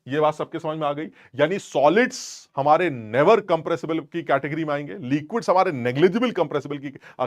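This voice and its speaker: Male tutor, slightly high voice, brusque and emphatic, informal class lecture. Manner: scolding, emphatic, plays both teacher and student. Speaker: chemistry teacher.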